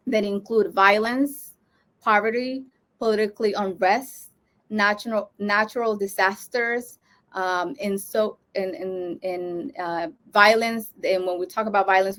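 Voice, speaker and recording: A woman from Honduras, a social worker, giving an educational talk to fellow social workers, earnest and thinking aloud with frequent fillers and restarts. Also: mid-range voice.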